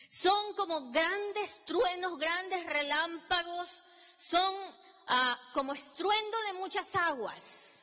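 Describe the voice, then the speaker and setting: A woman's voice: extremely high pitch, extremely slow, pushed and bright. A woman preacher giving an emphatic, dramatic sermon in a church hall, acting out biblical dialogue. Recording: long reverb in a large hall.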